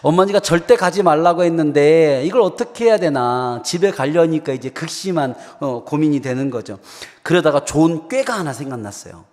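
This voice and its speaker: Male pastor, sermon storyteller, high, expressive delivery, long church reverb. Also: brisk, hardly any pauses. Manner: animated storytelling, addresses congregation. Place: church sanctuary.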